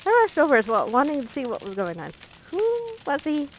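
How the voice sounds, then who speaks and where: A woman narrating a visual novel let's play aloud, her voice slightly high. She reads the story playfully and keeps breaking off for jokey asides. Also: sing-song, fairly quick, slight background noise, rough recording.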